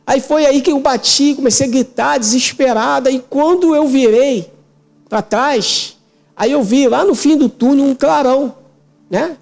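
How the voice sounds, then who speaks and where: Male interview guest, testimony of a vision; gravelly, mellow, emotional, repetitive phrasing. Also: very high-pitched, unhurried, faint music behind.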